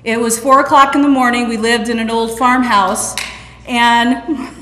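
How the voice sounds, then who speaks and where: A middle-aged woman with a slightly high voice speaks earnestly and directly to a conference audience. She acts out the lines she quotes. Her voice rings around a large hall with a long reverb tail. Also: fairly even intonation, unhurried, sharp tone, a little hiss or hum. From Northeast Nebraska. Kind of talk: personal testimony talk.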